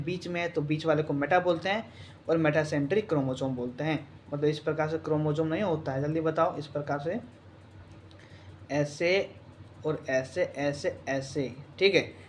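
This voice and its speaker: A man, tutoring biology through exam questions, brisk and repetitive, quizzing his students with rhetorical questions. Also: high voice, slight background noise. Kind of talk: exam question walkthrough lesson.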